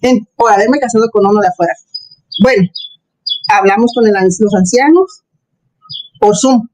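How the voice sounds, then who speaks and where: A woman's voice: on the high side, moderate pace, darkish tone, slight background noise, rough recording. A middle-aged woman tells her personal story as an interview guest, earnest, with many fillers and acted-out quotes. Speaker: interview guest, former Jehovah's Witness. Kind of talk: personal testimony, casual storytelling.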